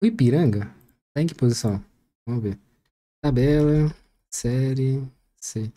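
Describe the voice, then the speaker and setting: A man's voice: medium pitch, a little slow, dark tone. A man hosting a reaction video, making jokey, chatty asides about a press conference. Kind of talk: casual joking commentary.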